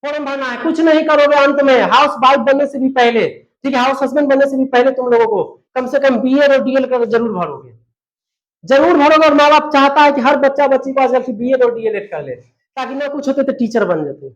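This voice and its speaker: High-pitched scolding teacher. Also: male voice, fairly quick, lo-fi sound. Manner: scolding, lecturing, rhetorical questions. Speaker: English teacher. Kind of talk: motivational classroom lecture.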